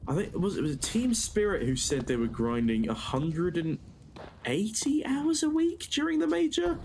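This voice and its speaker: A man's voice: high-pitched, very animated, moderate pace, vocal fry, darkish tone, a little hiss or hum. A man working as an esports caster, giving descriptive play-by-play commentary with florid, playful turns of phrase.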